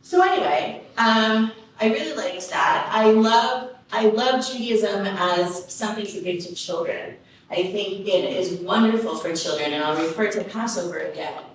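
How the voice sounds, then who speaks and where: A woman talks to a group in a casual, enthusiastic way, peppering her speech with fillers. Her pitch is ordinary. She is picked up from far off in a very reverberant room, with faint background noise. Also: expressive, normal speed. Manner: enthusiastic, chatty, many fillers. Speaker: religious leader speaker. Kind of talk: personal talk to teachers.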